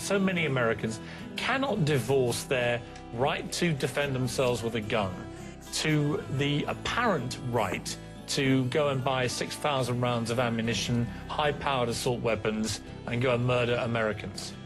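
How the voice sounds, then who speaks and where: A man's voice: mid-range voice, moderate pace, over music. A man hosting a TV debate, dismissive and interrupting. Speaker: TV talk show host. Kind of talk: heated TV debate.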